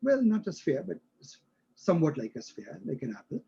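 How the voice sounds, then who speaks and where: A man's voice: fairly high pitch, big pitch swings, fairly quick, creaky, mellow, highs cut off, a little hiss or hum. A male instructor explaining a concept to a live class, using everyday examples and often checking that students follow.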